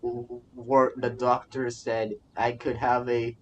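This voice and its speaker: The recording is muffled: a young adult streamer and virtual YouTuber with a mid-range voice speaks slowly and flatly, rambling casually about the game and often repeating phrases, with soft game music underneath.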